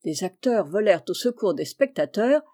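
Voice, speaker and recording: Brief: female audiobook reader, mellow tone, calm measured literary narration. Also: mid-range voice. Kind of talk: scripted narration.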